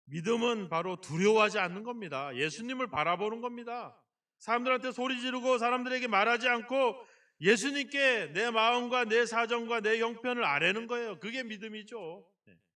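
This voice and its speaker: A male senior pastor delivering a lively sermon in a church. He acts out quotes and keeps asking the congregation questions. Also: extremely high pitch, moderate pace, distant mic. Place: church sanctuary.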